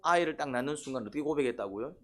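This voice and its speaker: Delivering his sermon rapid-fire, this pastor keeps prompting the congregation with questions and calls of "eh?". He has a medium pitch, lively intonation and a fairly bright tone.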